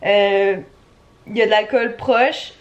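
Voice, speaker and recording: A woman's voice: mid-range voice, fairly even intonation, takes it slowly, dull audio. A Québécois woman casually vlogging at home on her couch, chatty, laughing often and cooing at her dog. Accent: Québécois French. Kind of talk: casual home vlog talk.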